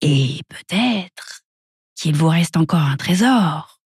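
A woman voicing a gentle, wise imaginary friend in a storybook, speaking in a soft, slow murmur. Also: low voice, lively intonation, husky, no echo, clean studio sound, full character voice.

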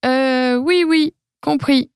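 A woman's voice: on the high side, expressive, moderate pace, a little mellow, dry recording, clean studio sound, pitched above the performer's own voice, lightly acted. A woman voicing a timid little boy dragon in a storybook reading, hesitant and stammering. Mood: flustered.

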